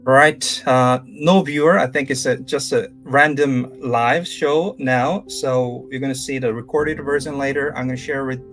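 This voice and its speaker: A South Korean man in his thirties, a career coach, gives a live-streamed lecture in Korean-accented English, halting with many fillers and restarts. His medium-pitched voice holds a steady tone and sounds a bit bright. Soft music plays in the background.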